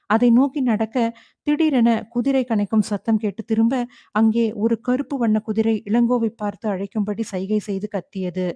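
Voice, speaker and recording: Woman audiobook narrator, dark mellow tone, dry close recording. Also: mid-range voice, no echo, muffled recording. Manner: steady storytelling. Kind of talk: scripted horror narration.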